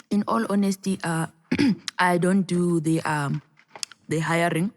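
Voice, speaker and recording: A man putting on a squeaky, evasive official. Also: takes it slowly, in a large hall, slight background noise. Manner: hesitant, clears throat, dodges questions. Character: evasive flustered male official, throat-clearing.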